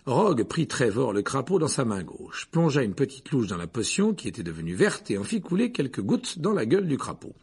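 A man narrating a storybook in an expressive, measured reading voice. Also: mid-range voice, breathy edge. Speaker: audiobook narrator.

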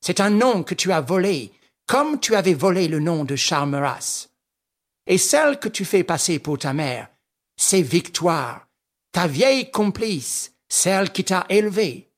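A man voicing an arrogant English detective who mocks his rival scornfully and shouts orders. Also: sits high, very animated, a little slow, pitched above the performer's own voice, heavily acted. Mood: sneering. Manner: mocking, scornful, bursts into shouting.

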